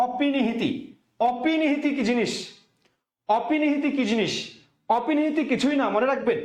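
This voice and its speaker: High-voiced man teaching in an echoey room. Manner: repeats key points, asks and answers his own questions. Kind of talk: exam revision lecture.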